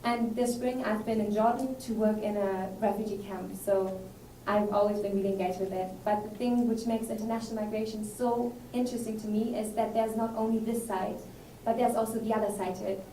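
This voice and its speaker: A woman's voice: medium pitch, fairly even intonation, a little fast, dark tone. A young woman from Germany giving an earnest, emphatic student presentation at a conference. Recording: roomy hall, distant mic, faint noise.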